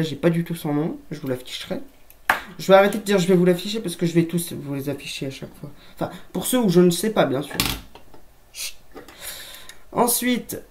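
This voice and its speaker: A woman's voice: lowish voice, darkish tone. A woman vlogger in a casual show-and-tell to camera, chatty and joking, talking to viewers as friends in a room at home. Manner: chatty, addresses viewers as friends, jokey asides. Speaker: toy collector vlogger. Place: room at home with a shelf of toys.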